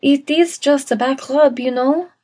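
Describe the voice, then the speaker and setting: A woman voicing a polite young maid with a French accent and formal, halting English. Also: high voice, a little mellow, voice pushed up. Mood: polite, hesitant.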